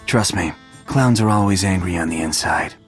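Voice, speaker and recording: An actor playing a surly door guard in a video game, curt and sardonic in manner. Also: male voice, low voice, moderate pace, faint music behind, close to an everyday voice. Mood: dry, sardonic. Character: surly, deadpan male guard at a duke's door. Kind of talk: video game character acting.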